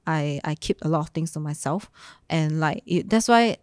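A Singaporean woman talking casually and reflectively in Singlish, with lah and leh particles, in a halting, searching way. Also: deep voice, darkish tone, no room sound, studio quality. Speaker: guest sharing personal story.

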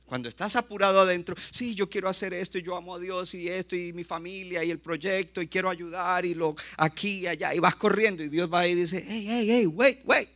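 Bright-voiced man preaching with animation. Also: sits high. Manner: animated preaching, acts out quick asides. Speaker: pastor. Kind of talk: sermon.

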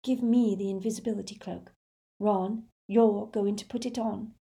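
A woman's voice: mid-range voice, sing-song, drawn-out words, voice pushed up. Lady narrator doing a teen witch girl, whispery and urgent, bossing her friends, audiobook. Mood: hushed urgency. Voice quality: breathy, hushed.

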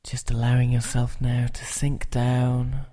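A man leading a guided relaxation, speaking calmly and soothingly and at times dropping into soft whispers. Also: mid-range voice, measured pace.

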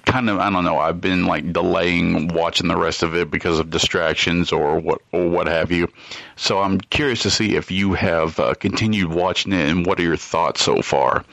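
A man leaving a rambling voicemail message that is played back, pausing often with uh fillers. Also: sits low, steady tone, vocal fry, fairly bright tone, no room sound. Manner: hesitant, with frequent uh fillers. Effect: played-back voicemail recording. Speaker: listener sending a voicemail.

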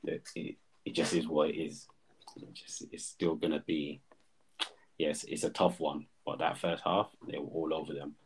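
A man giving measured, thoughtful opinions in casual football chat. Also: very deep voice, flat delivery, breathy edge.

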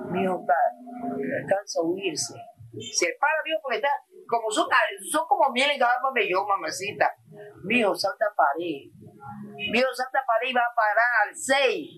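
A woman's voice: a little high, low-quality recording. An older woman giving a rambling, breathless testimony as a grieving mother, calling the listener mamita and mijo. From Ecuador. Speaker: mother of a prison victim. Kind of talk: emotional testimony.

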